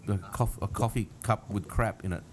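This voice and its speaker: A man's voice: on the low side, fairly even intonation, moderate pace. Blunt, mocking man. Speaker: podcast co-host. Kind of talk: casual chat. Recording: noisy studio recording.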